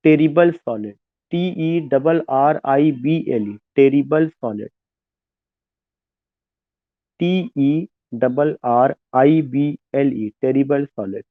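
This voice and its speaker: A man's voice: mid-range voice, drawn-out words, dry recording. A man with an Indian accent giving an exam-prep literature lecture, switching between Hindi and English, repeating points and spelling words letter by letter. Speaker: teacher. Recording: tinny phone-like dry sound.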